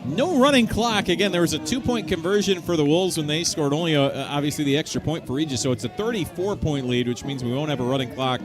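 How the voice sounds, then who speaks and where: A man's voice: a little high, quick pace, hardly any pauses, music in the background. A man calling live American football play-by-play as the game's announcer. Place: outdoors at a football stadium.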